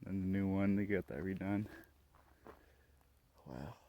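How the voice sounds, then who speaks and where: In a deep voice at a measured pace, a man vlogs his exploration of a nighttime graveyard, speaking in casual, off-the-cuff fragments. The recording sounds muffled and comes from a noisy handheld device outdoors, with clicks.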